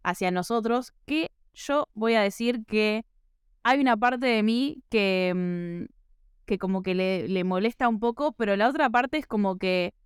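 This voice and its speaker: Very clear-voiced Argentine woman host. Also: mid-range voice, measured pace, dry recording, studio quality. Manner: chatty, self-mocking, lots of "eh" fillers. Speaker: podcast host. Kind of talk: casual podcast conversation.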